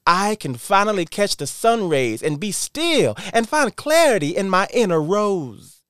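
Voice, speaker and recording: Guy putting on a frazzled, brassy lady for a fake ad, high and loud. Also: very animated, a little slow, clear, resonant tone, dry recording, clean studio sound, heavily acted. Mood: exasperated. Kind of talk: parody radio ad.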